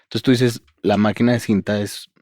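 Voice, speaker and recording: A man's voice: on the low side, fairly even intonation, moderate pace, a little mellow, no room sound, studio quality. A man, hosting a podcast and teaching at a university, who talks thoughtfully and wanders into asides before circling back. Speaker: podcast host and university educator. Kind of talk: podcast interview.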